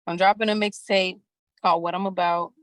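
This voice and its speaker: A woman's voice: on the low side, steady tone, brisk, dry recording. A young woman, a rapper guest in a casual interview, talking bluntly and candidly with lots of slang and swearing.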